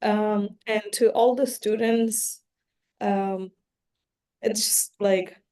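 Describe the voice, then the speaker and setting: A woman from Bangladesh speaks as a council member at a community meeting. She talks slowly and hesitantly with frequent fillers, her voice warm and relaxed in tone. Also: mid-range voice. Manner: soft-spoken, hesitant with many fillers. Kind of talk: meeting report.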